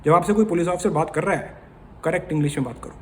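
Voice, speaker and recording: A man's voice: on the high side, fast, a bit bright, a little hiss or hum. A man from India talking in a chatty, opinionated vlog, lecturing his viewers. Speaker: vlogger. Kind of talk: casual commentary vlog.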